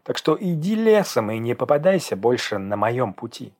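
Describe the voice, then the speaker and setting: A man voicing a defiant, sharp-tongued young pregnant woman in an audiobook, with biting, mocking retorts. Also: mid-range voice, big pitch swings, moderate pace. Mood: furious defiant.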